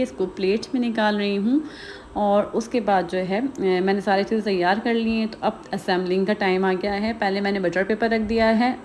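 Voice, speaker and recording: Guiding viewers through a home recipe in a voice-over, this vlogger from Pakistan speaks fast and casually, leaning on plenty of fillers. Her middle-pitched voice is a little mellow, with faint noise in the background.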